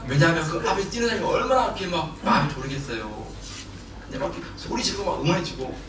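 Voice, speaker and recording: A man preaching a sermon as pastor, animated and quick to laugh and shout. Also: a little high. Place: church sanctuary. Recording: echoey hall from far off, noisy.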